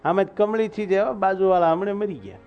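A male preacher, telling a devotional story in folksy talk and slowly chanting verses. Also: high-pitched. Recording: dull lo-fi recording with faint music.

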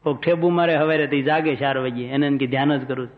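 A man giving a devotional discourse, who chants verses slowly and then explains them in plain speech. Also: mid-range voice, steady tone. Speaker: religious storyteller. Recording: dull lo-fi recording.

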